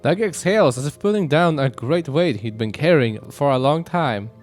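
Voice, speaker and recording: A man's voice: a little high, expressive, moderate pace, soft background music. A man hosting and narrating a visual novel read-along with a playful manner. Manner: playful, reads then breaks into jokes. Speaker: channel host and narrator.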